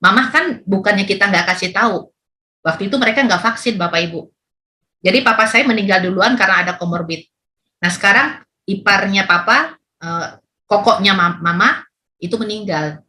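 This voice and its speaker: A middle-aged woman pastor from Indonesia preaching with chatty, expressive personal stories. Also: medium pitch, normal speed. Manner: chatty, expressive storytelling with rising exclamations.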